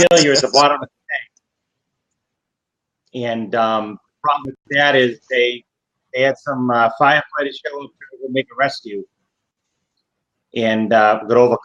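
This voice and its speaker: A man's voice: mid-range voice, fairly bright tone, dull audio. Man, heavy Boston accent, hesitant piecemeal phrasing, informal incident account, internet call. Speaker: guest responder. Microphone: internet video call.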